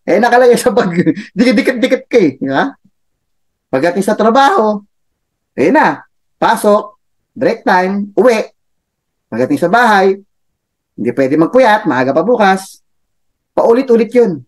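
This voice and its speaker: A man's voice: high voice, very animated, measured pace, long pauses. A man giving a chatty motivational talk, laughing often and tossing in tag questions. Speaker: motivational speaker for a business club.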